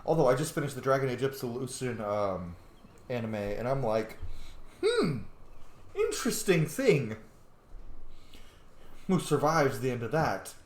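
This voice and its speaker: A video game streamer hosting his channel gives casual, informal let's play commentary, reacting wryly out loud. His medium-pitched voice is very animated yet a little slow, with frequent pauses. The room is echoey, with faint game noise underneath.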